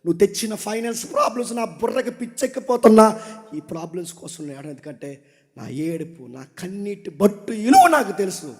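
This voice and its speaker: Impassioned high-voiced male preacher, echoing hall. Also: animated, a little fast. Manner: impassioned preaching, swings between loud exhortation and low intensity. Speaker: pastor. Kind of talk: sermon. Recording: long hall reverb.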